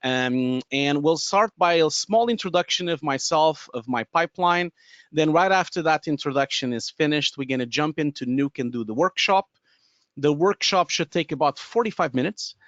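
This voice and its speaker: A man's voice: a little high, expressive, moderate pace, a bit bright, no room sound, highs cut off. A man in his thirties from Portugal with a Portuguese accent, presenting a live webinar in a chatty way with many fillers, restarts and laughs, on a headset mic in a home studio room. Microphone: headset with boom mic.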